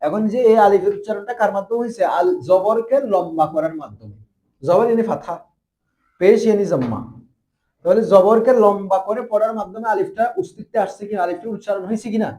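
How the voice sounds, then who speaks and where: Fast, high-voiced man teaching a class. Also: warm tone. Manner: quizzing students with constant rhetorical questions. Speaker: madrasa teacher. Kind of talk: classroom Arabic grammar lesson.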